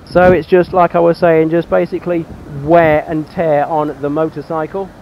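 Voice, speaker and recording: A man casually reviewing his own motorcycle outdoors on country lanes, plain-spoken with frequent pauses. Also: on the high side, level tone, highs cut off, a little hiss or hum. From England. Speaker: motorcycle vlogger.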